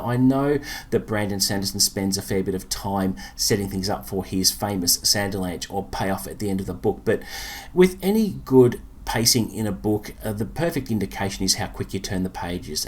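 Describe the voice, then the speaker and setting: A man giving a casual spoken book review, relaxed and chatty with many fillers and pauses. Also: low voice.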